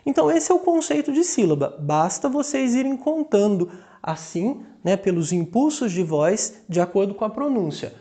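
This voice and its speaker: A man's voice: sits high, very animated, dark tone. A man with a Brazilian Portuguese accent teaching a grammar lesson. He draws out example words syllable by syllable and keeps checking in with the class. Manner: slow, deliberate, drawing out example words syllable by syllable.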